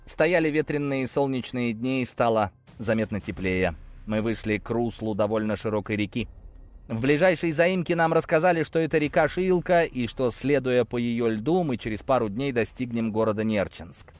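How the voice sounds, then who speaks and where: A man's voice: normal speed, no room sound, faint music behind. A man reading an adventure story aloud as an audiobook narrator, shifting his voice for the characters. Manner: lively, shifts pitch for dialogue.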